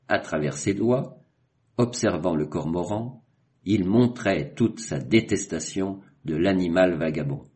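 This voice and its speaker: A male narrator reads an adventure story in a measured, literary manner. His voice sits low and he takes his time over each phrase. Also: a little mellow. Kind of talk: scripted narration.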